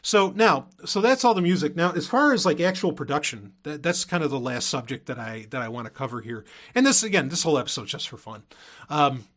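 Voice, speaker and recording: This podcast host speaks fairly quickly, his slightly high voice animated and fairly bright. His casual monologue meanders, breaking off mid-thought and slipping into frequent hedging asides.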